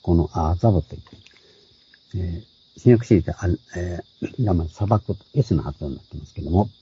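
An older man giving a measured, explanatory Bible sermon, working through scripture word by word and lifting his voice on the quotes. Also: sits low, breathy edge. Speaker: Bible teacher. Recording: dull lo-fi dry recording.

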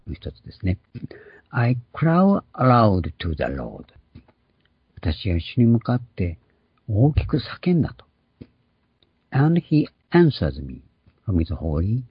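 A man's voice: deep voice, breathy edge, no echo. An older man preaching an earnest sermon, explaining and stressing key words. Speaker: pastor. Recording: dull lo-fi recording.

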